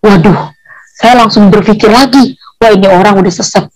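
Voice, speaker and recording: A woman's voice: medium pitch, normal speed, low-quality recording. A woman telling her personal faith testimony, emotional and chatty, her voice sometimes breaking into tears. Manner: emotional, voice at times tearful and breaking; informal, chatty storytelling with local slang.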